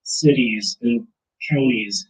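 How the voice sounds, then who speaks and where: A man's voice: mid-range voice, takes it slowly, slightly rough, low-quality recording. A man hosting a casual group chat, talking in a rambling, informal way. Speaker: host of gig drivers' group talk. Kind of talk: casual group chat about gig work.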